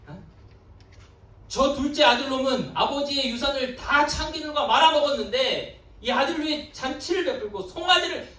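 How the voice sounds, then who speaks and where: A man's voice: fairly bright tone, distant mic. A man acting out a bitter, indignant elder son. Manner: complaining in a raised, high-pitched outcry. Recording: echoey hall, voice from afar.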